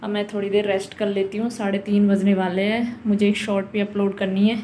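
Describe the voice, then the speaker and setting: A woman's voice: mid-range voice, little pitch movement, fairly quick, mellow, slight background noise. A tired woman vlogging about her day at home, rambling on casually while she does her chores. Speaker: mom vlogger. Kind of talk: casual chatty home vlog narration. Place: home kitchen.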